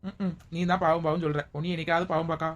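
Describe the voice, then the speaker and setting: A woman playing a sharp-tongued village woman. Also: low voice, level tone, rapid-fire, highs cut off, lightly acted. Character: outspoken village woman, bold and joking. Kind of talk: village comedy skit acting.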